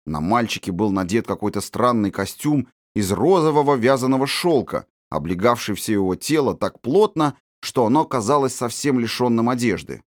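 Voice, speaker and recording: A man narrating a storybook in a measured, descriptive reading. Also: medium pitch, lively intonation, no echo, studio quality. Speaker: audiobook narrator.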